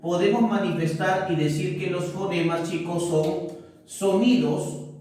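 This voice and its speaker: A male teacher giving a recorded lesson, unhurried and checking in with the class often. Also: high-pitched, fairly even intonation, a little mellow. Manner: unhurried, keeps checking in with correcto and ya. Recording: echoey room, mic at a distance.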